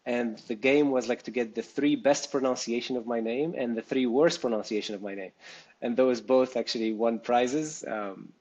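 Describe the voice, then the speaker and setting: A man from Tunisia, a startup co-founder, answering interview questions thoughtfully with frequent pauses and restarts. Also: medium pitch, darkish tone, lo-fi sound. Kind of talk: interview conversation.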